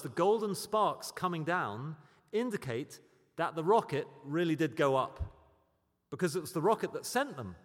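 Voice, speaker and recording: A British man preaching a sermon, building to loud, emphatic peaks on key points. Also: on the high side, in a large hall. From Britain.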